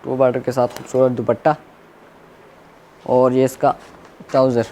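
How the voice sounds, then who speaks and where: A man's voice: medium pitch, completely flat delivery, moderate pace, dark tone. A man with a Pakistani accent working as a shop seller, listing stock and prices in a repetitive, unscripted sales presentation. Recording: clear background noise.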